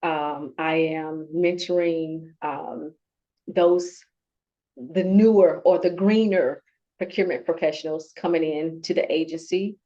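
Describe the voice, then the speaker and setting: A woman speaking earnestly and heartfelt in an interview, pausing and restarting as she tells her story. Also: sits low, fairly even intonation, mellow. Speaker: award-winning procurement professional, guest. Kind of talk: conversational interview. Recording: dull lo-fi sound.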